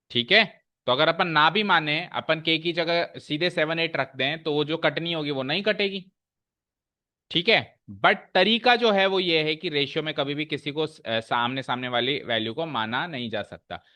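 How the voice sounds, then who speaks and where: A man teaching a maths class, walking through each step and pausing to check that students follow. His voice sits a little high and rings bright and forceful. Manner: explains step by step, checking in with questions. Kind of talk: classroom lesson.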